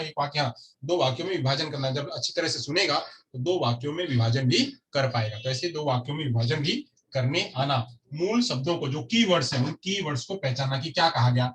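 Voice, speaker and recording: Brief: male teacher, lecture delivery, a bit high-pitched, repeats himself, off-mic sound. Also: fairly bright tone. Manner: repetitive, asks and answers his own questions. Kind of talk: explanatory lecture. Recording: distant mic with faint noise.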